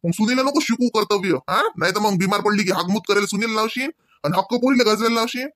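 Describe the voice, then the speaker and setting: In a clean, dry studio recording, a man speaks fast in a high, slightly bright voice. He plays a cranky older village husband in a Marathi comedy cartoon, using a rural Maharashtrian accent and hectoring his wife with rhetorical questions. The comic domestic argument comes across as scolding and exasperated.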